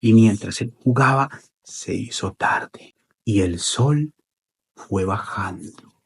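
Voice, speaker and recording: A man telling a children's story in an expressive, repetitive way with dramatic pauses. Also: lowish voice, breathy edge.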